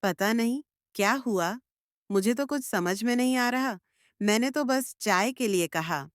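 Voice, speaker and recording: A woman voicing a gentle cartoon mother-in-law. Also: a little high, expressive, unhurried, dry recording, clean studio sound. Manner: gentle, affectionate. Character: kind, puzzled middle-aged mother-in-law. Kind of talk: cartoon story voice acting.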